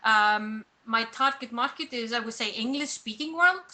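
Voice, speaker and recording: A personal branding coach from Iceland, a woman whose native language is Icelandic, answers interview questions reflectively, pausing and restarting mid-thought. Her voice is a little high, bright, and forceful.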